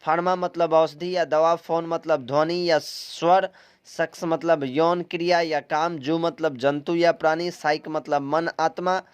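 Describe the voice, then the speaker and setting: A man's voice: a little high, steady tone, a little slow, clear, resonant tone, dull audio. A man from India, talking students through a recorded English vocabulary lesson step by step in a plain instructive tone. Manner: plain instructive tone, repeats steps, some filler sounds. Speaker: English teacher.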